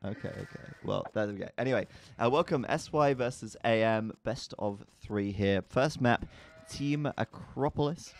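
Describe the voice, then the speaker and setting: A man casting an esports match live, chatty and quick to laugh. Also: mid-range voice, vocal fry. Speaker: esports caster. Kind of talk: live game commentary. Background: faint background music.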